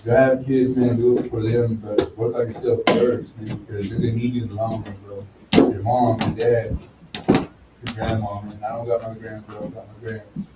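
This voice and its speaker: A man's voice: lowish voice, flat delivery, normal speed, reverberant, recorded from a distance, heavy background noise. A man giving an earnest testimony to a recovery group, filling his talk with "man" and "bro". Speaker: recovery house resident.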